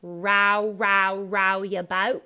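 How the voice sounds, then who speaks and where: A woman's voice: high voice, animated, unhurried, a bit bright, voice pushed up. A woman putting on a jolly Cockney henchman. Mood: broad, jolly. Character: scruffy Cockney henchman, man, dim and jolly.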